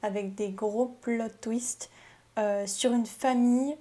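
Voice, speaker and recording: A woman vlogger chatting casually and reacting with quick, amused comments. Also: a little high, steady tone, warm tone. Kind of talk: casual chat.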